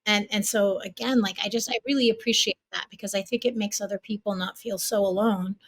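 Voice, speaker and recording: A woman talks as a podcast host in a casual, reflective conversation. She sounds supportive and appreciative of the person she is talking with. Her voice has a medium pitch for a woman. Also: steady tone, a little fast, husky.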